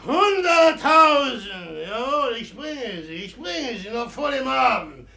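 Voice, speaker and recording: A drunken, brawling rich suitor. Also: male voice, extremely high pitch, very animated, takes it slowly, creaky, exaggerated voice. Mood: drunken insistence. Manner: drunken boasting, shouting and laughing. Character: drunken wild rich man, loud and impulsive. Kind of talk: radio drama acting.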